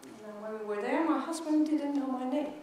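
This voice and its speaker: A middle-aged Swedish woman gives a keynote in English at a large conference hall, her Swedish accent clear as she stutters and repeats words and syllables. Her voice sits high and sounds brisk with a dark tone. The mic is far off in the echoey hall, with slight background noise.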